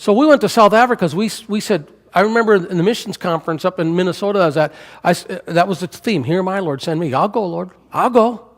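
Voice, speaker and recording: A man's voice: high-pitched, fast talker. Folksy sixty-year-old man in a church. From United States. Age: 60s. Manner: folksy, joking, conversational. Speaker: missionary speaker. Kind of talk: church missions talk. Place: church sanctuary. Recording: hall reverb in a church.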